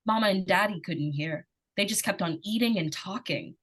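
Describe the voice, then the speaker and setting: In a live stage performance of an old-time radio suspense drama, a woman with a natural, medium-pitched, slightly bright voice plays an earnest young girl, pleading urgently with breathless repetition. The mood is subdued and haunted, she speaks at a moderate pace, and there's a little hiss or hum.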